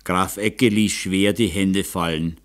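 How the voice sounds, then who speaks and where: A man reading a novel aloud as audiobook narrator, calm and even. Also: low-pitched, slow pace. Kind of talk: scripted narration.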